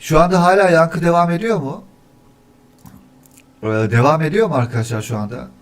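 A man's voice: a little high, a little fast. A man talking casually on a livestream, testing his mic by counting weekdays, reading the chat and grumbling about technical problems. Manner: easily annoyed, grumbling about echo. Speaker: streamer.

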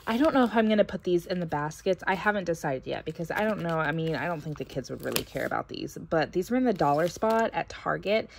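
A woman's voice: on the low side, lively intonation, fast, creaky, few pauses, noisy background. Chatty woman showing a holiday haul. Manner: chatty, thinking aloud, soft laughs. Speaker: vlogger. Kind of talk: casual haul voice-over. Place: carpeted room at home, indoors.

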